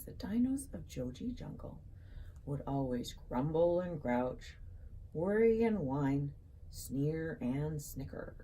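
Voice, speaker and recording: In a low-pitched voice, a female children's author gives her picture book a lively read-aloud for young listeners, breaking off now and then for chatty asides. The audio is poor, with some hiss or hum.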